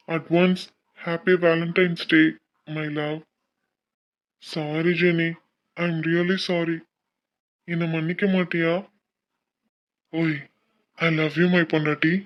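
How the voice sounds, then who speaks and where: A man's voice: on the high side, muffled recording. A man voicing a young male college senior in a cartoon, teasing and affectionate. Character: young male college senior, playful then tender husband. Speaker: voice actor for a cartoon. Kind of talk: cartoon dialogue.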